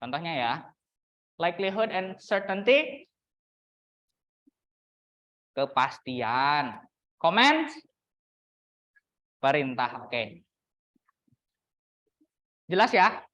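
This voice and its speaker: A woman's voice: low voice, very animated, fairly bright tone. Chatty young woman lecturing a class. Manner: teasing, chatty, slows down to model English examples. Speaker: university English lecturer.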